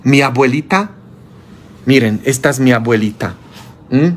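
Blunt, slow-preaching priest. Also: male voice, slight background noise. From Poland. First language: Polish. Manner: blunt, scolding, rhetorical questions, sudden high outbursts. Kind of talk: sermon.

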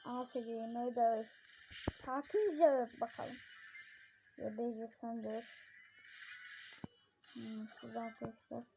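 A woman giving excitable play-by-play commentary on a mobile game, talking straight to her viewers. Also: on the high side, unhurried, gravelly, long pauses. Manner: excitable, keeps addressing viewers. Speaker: gaming channel host. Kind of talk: live mobile gameplay commentary. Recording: dull lo-fi recording with steady noise.

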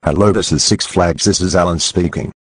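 A young man putting on a deep, husky voice to play a gruff male theme park worker. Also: brisk, no room sound.

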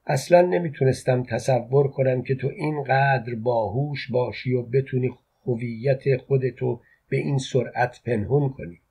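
A man reading the lines of a tender, insistent woman who is an old flame, in a soft, intimate way, with a husky voice. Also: medium pitch, steady tone, hardly any pauses.

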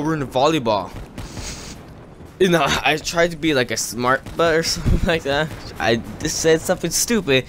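A man's voice: on the high side, a bit bright, a little hiss or hum. A teenage boy from California tells a rambling story over gameplay, full of "like" fillers and trailing off. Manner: rambling, filler-heavy, laughs between lines. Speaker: gaming YouTuber.

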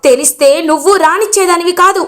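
A woman's voice: very high-pitched, fast talker, a bit bright, pitched above the performer's own voice. A woman voicing a proud, stern grandmother who scolds with indignant questions. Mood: angry.

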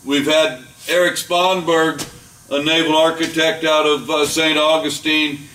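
An older boat builder gives a plain, unhurried tour of a catamaran being built inside a large boatbuilding warehouse, filling his talk with frequent fillers. His voice is fairly high and bright, forceful yet flat in delivery. Picked up by a camera mic while he often stands several steps away, the sound is echoey and off-mic, with a faint hum.

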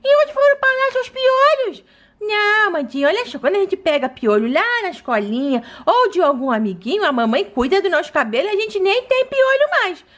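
A woman's voice: very high voice, sing-song, brisk, fairly bright tone, heavily acted. A woman voicing a bossy, exasperated older sister doll girl in a toy play video. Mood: patient. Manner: scolding, exasperated.

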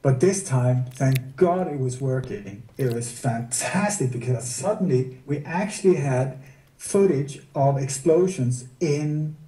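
A man speaks at an average pitch with a very dark, mellow tone, sounding well back from the microphone. His voice carries a noticeable room echo. He talks as a guest in a casual interview, often poking at his subject with sarcastic rhetorical questions. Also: a little slow. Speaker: guest researcher. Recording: distant roomy mic.

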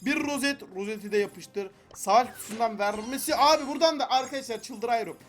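A young man giving excited gameplay commentary, frustrated and pleading with the game as he opens loot boxes. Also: very high-pitched, a little fast, soft background music. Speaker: gaming YouTuber.

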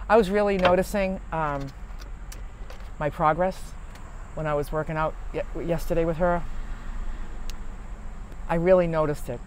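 Guy talking from his van at a rest stop, kinda high voice, rambly, faint traffic hum behind. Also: rough recording. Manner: rambling, chatty, many fillers and restarts. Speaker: van-life vlogger. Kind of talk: casual chat to camera.

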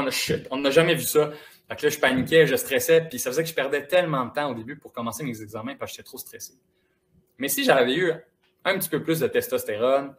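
A young man with a Quebec French accent giving a lively, casual, encouraging motivational talk to students in a school auditorium. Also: mid-range voice. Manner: lively, casual and encouraging, addressing the audience directly. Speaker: motivational speaker.

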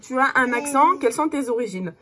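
Her high-pitched, fairly bright voice has lively intonation and a fairly quick pace. She's a woman in her thirties with a Cape Verdean Portuguese accent, vlogging chattily to camera with plenty of fillers while her child keeps distracting her.

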